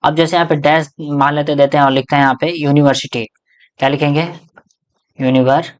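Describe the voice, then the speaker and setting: A man's voice: on the high side, level tone, brisk. Male teacher, grammar lesson, rhetorical questions, answers them himself, checks in constantly. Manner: keeps checking in with the class.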